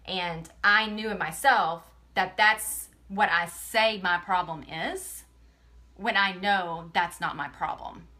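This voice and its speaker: A woman speaks straight to her followers in a live phone video, earnest and emotional, often near tears. Her voice is bright and forceful, in a middle range for a woman. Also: medium pitch. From Texas. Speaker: direct sales presenter. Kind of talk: tearful motivational live video.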